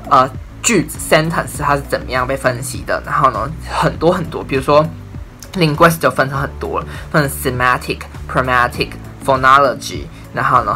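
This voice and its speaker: A young man with a Taiwanese Mandarin accent explains things in a chatty vlog, his tone bright and forward. He keeps stringing thoughts together in an easygoing, talkative flow. Soft music plays faintly behind him. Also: mid-range voice. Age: 20s. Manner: chatty, leans on "I'm telling you" and "and then". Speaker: university English major vlogger. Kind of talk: casual explainer talk to camera.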